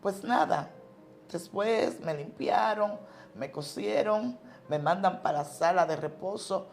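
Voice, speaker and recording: A woman's voice: lowish voice, takes it slowly, a little mellow, slight background noise. A woman pastor from the tells a personal religious testimony, an emotional storyteller who repeats and restarts words.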